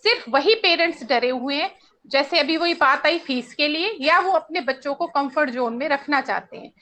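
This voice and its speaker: A woman's voice: sits high, moderate pace, bright, forceful tone. A woman speaking as a panel guest, insistent and argumentative. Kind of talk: panel discussion.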